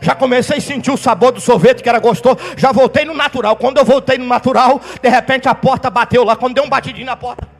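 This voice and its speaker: A man preaching as a pastor, telling stories with fiery energy and shouting at the peaks. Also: very high-pitched, fairly even intonation, quick pace, hardly any pauses. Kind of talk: sermon. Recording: reverberant hall with faint music.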